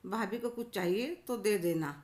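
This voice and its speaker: This is a gracious widowed mother-in-law, voiced by a woman narrator, gentle and affectionate in every word. Her voice sits at an ordinary middle pitch. It is a spoken storybook reading. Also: moderate pace, close to an everyday voice.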